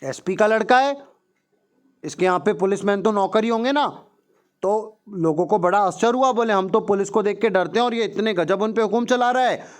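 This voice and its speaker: A male teacher who reads English lines slowly and then explains them in quick, chatty Hindi, addressing students fondly. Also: high voice. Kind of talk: explaining a textbook chapter.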